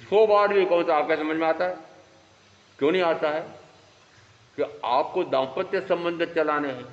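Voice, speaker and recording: A man in his fifties giving a sermon as a Jain monk, animated and throwing rhetorical questions at his listeners. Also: a little high, normal speed. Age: 50s. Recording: echoey hall, dull lo-fi sound.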